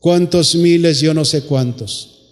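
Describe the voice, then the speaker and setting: Man preaching, high voice, rhetorical questions, slow emphatic phrases, long church-hall reverb. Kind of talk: sermon.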